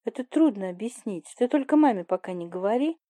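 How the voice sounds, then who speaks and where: A woman reads a breezy younger sister who needles her older sibling. The tone is mellow and dark, the delivery offhand and mocking, a little brighter than the narration around it. The recording is dry and close. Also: medium pitch, lively intonation, brisk, dry recording, close to an everyday voice.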